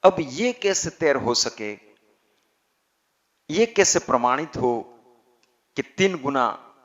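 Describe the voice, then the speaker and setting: A man teaching how to chant, speaking deliberately and drawing out chanted syllables. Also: medium pitch, lively intonation, a bit bright. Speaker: yoga teacher. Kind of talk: spiritual instruction on chanting. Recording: slightly dull, lo-fi recording.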